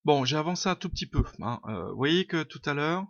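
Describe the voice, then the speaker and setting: A programming tutor talks through an unscripted coding tutorial over a screen recording from a room at home, thinking aloud with lots of fillers and an informal, self-deprecating style. His voice is fairly high and bright, very animated and a bit fast. The dull lo-fi home mic gives a dry sound with no echo.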